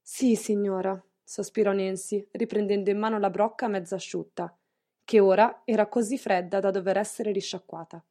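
This is scripted narration: a mid-range female voice reads an audiobook with an even, measured storytelling style.

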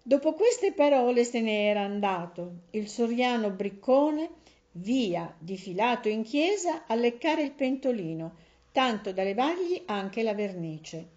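A woman narrating a fable in a calm, measured storybook reading. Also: a little high. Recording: slightly dull lo-fi recording.

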